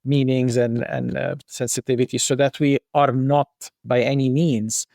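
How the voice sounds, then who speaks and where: Middle-aged egyptian-born guy, podcast guest, mid voice, thinks out loud, lots of like and restarts, dry close mic. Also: medium pitch, little pitch movement, normal speed, creaky, no room sound. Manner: reflective, thinks aloud with many "like" and restarts. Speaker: guest, global brand marketing executive. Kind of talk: conversational podcast interview.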